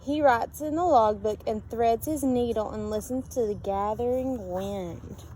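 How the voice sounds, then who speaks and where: A storybook reader with a voice on the high side reads a children's picture book aloud expressively and unhurriedly, adding sing-song repeats and questions for her listeners. The recording is rough, with steady background noise.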